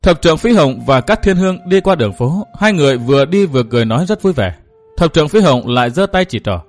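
Male storyteller, measured, faint music. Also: fairly high pitch, lively intonation. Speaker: narrator. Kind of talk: scripted audiobook narration of a martial-arts novel. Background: faint background music.

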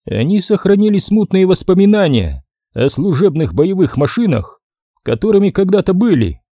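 Audiobook: man doing cryptic alien AI, raised pitch, slow and measured. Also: very animated, mellow, dry recording, heavily acted. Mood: enigmatic. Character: cryptic, aloof alien machine intelligence.

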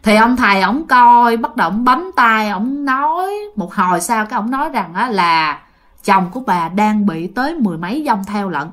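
A woman's voice: medium pitch, expressive, normal speed, a bit bright. Chatty Southern Vietnamese woman telling a ghost story. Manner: chatty, addresses listeners directly.

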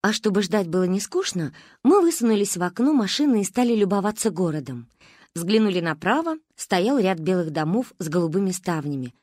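A woman reading a children's story aloud in a lively, expressive way. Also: mid-range voice, brisk, dry recording, clean studio sound. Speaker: audiobook reader. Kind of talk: storybook narration.

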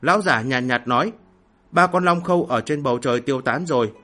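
A man narrating a fantasy novel in a steady, dramatic storytelling manner. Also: mid-range voice, a little fast, soft background music. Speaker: audiobook narrator.

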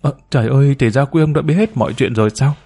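Male reader doing a meek, hesitant woman around forty, pleading and deferential, mellow voice. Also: medium pitch, quick pace, husky. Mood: humble. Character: timid humble woman about forty, former bar girl.

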